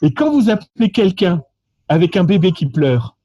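A man from France with a French accent, telling stories animatedly in a lively, joking way about his contest calls. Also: high-pitched, moderate pace, dry recording, muffled recording. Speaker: social engineering contest participant. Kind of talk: animated conversational storytelling.

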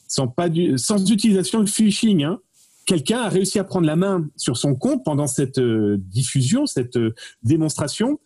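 A man's voice: sits high, dark tone, slightly rough. A man explaining a story in casual chat, digressive with frequent fillers and restarts. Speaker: guest expert.

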